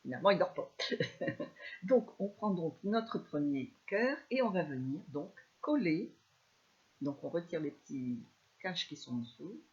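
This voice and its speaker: A woman with a northern French accent giving a live scrapbooking tutorial, chatty and soft-spoken, with many fillers. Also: sits low, sing-song, measured pace, highs cut off. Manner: speaks softly, chatty, many fillers like "alors" and "hein". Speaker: scrapbooking demonstrator.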